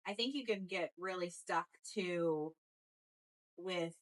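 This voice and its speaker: A woman in a casual wellness podcast chat, speaking in a calm, encouraging, reflective way. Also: fairly low pitch, takes it slowly.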